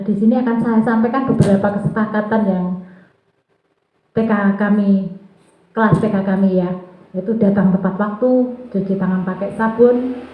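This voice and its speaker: A woman who teaches kindergarten gives an informal presentation to fellow teachers in a warm, coaxing way, pausing often on filler sounds. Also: a little high. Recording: tinny and echoey.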